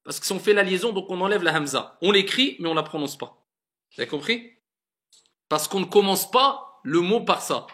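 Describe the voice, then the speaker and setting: A man teaching Arabic reading in a classroom, patiently modeling pronunciation by slowly drawing out words and encouraging students. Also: high-pitched, animated, pushed and bright.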